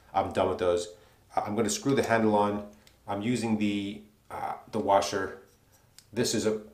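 A man from North Carolina reviewing shaving products in a relaxed, chatty way, with frequent fillers and asides. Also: on the low side. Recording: echoey room.

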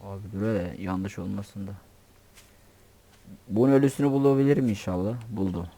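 A man giving excitable, joking commentary on his own gameplay, swearing playfully and talking to himself. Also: fairly low pitch, fairly quick. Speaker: gamer.

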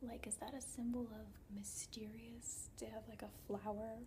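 A young adult woman in a whispered role-play as a librarian, speaking in a soft, breathy library whisper with a casual, hesitant manner. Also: fairly high pitch, level tone, normal speed. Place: indoors, small book-lined room. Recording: noticeable background noise, clicks.

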